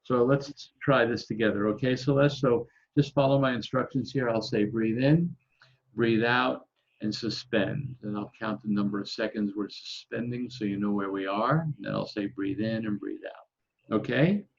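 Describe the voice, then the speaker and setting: Gravelly low-voiced man guiding breathing. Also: lo-fi sound. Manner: calm, counting aloud slowly. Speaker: breathing instructor. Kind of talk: guided breathing lesson on a video call. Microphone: video call microphone.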